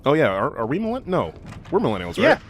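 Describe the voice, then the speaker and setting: A man's voice: fairly high pitch, wildly swooping pitch, quick pace. A man in his thirties chatting casually while playing a game, rambling and interrupting himself, swearing offhand. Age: 30s. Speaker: let's play host. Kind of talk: casual gameplay chat.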